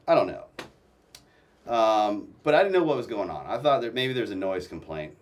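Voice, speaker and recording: A man with a low voice tells a personal story as an interview guest. He speaks haltingly, breaking off and restarting his sentences. He sits a bit back from the microphone. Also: expressive, far from the mic.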